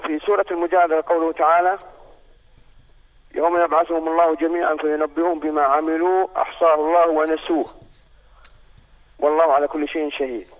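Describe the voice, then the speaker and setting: A man from Saudi Arabia calling in by phone, asking a formal, courteous question and reciting verses in a measured way. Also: on the high side, level tone. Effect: heard over a phone line. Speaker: phone-in caller.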